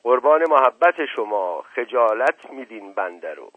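A man's voice: mid-range voice, sing-song, husky, no echo. A man voicing a junior police officer who speaks in an eager, deferential way. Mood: bashful. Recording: tinny lo-fi dry audio.

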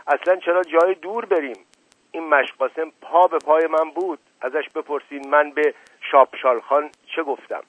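A man's voice: on the high side, fairly even intonation, dry recording, voice pushed up, lightly acted. A man reads a self-important old ex-officer in a radio story. He boasts and protests indignantly, swearing by his father's soul. The sound is dry and thin, like an old phone-band broadcast. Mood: boastful. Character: pompous old man, proud former Cossack officer. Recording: dry, tinny lo-fi radio recording.

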